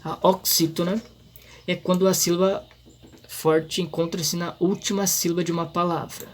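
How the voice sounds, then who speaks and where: A man explaining a grammar lesson in an informal, halting way, full of restarts and fillers. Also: sits high, flat delivery. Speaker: teacher.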